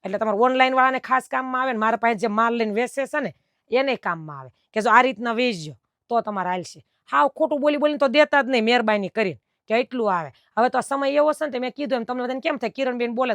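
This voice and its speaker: Chatty shopkeeper woman, quick speech. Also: fairly high pitch, fairly bright tone, dry recording, clean studio sound. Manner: chatty, explains at length, quotes customers. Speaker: dress fabric shop owner. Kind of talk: casual talk to camera explaining fabric cuts. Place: her fabric shop.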